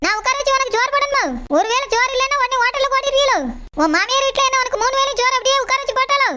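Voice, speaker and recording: A woman playing a shrill scolding sister-in-law. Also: fairly even intonation, very noisy. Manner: scolding, sharp and fast. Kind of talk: amateur family drama acting.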